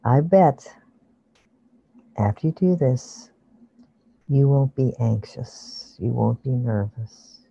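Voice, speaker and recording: A relaxation guide leading a guided meditation in a soothing, unhurried, hushed voice over an online video call, with dull, muffled sound. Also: medium pitch, animated, gravelly, husky.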